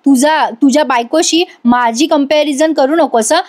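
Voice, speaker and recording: A woman's voice: high-pitched, moderate pace, a little mellow, natural voice. A woman voicing an irritable young husband who snaps at his wife and his elder brother. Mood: irritated. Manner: snapping, accusing.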